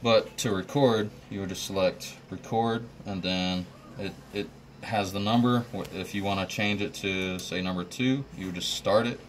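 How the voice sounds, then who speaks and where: Picked up by a distant microphone in a noisy room, a low-voiced man at a moderate pace explains a system to staff the way an installer would. His intonation stays fairly even as he goes through it informally, plainly and practically, one step at a time.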